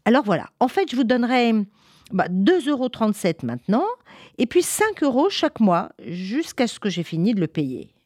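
Woman doing a brave little limping boy, storybook voice, eager and earnest, pitched up. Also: sing-song, normal speed, darkish tone, no room sound, studio quality.

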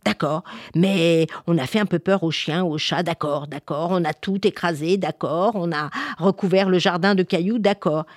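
A woman's voice: fairly low pitch, fairly even intonation, normal speed, dry recording, studio quality, natural voice. A woman voicing mischievous children protesting to their mother in a storybook tale. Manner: pleading, protesting. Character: playful excited children caught misbehaving.

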